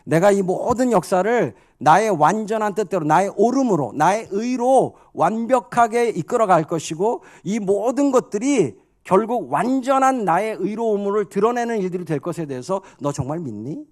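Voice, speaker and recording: A man voicing God as a calm, authoritative figure who firmly questions a prophet. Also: sits high, moderate pace, hardly any pauses. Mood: gently challenging. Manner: soothing, firm, fatherly questioning.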